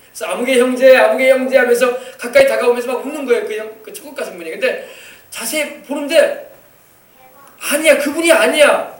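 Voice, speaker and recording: Man preaching to children in an echoey church. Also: high voice. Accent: Korean, South Jeolla (Yeosu). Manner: asks the children questions and waits for replies. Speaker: pastor. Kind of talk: children's sermon. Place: church sanctuary. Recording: echoey church hall, voice from far off.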